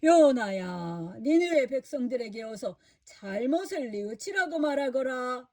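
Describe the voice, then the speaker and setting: A patient God figure, voiced by a woman reading aloud, speaking in a calm, measured way. The delivery is slow and unhurried. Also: high-pitched, dry recording, studio quality, full character voice. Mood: commanding.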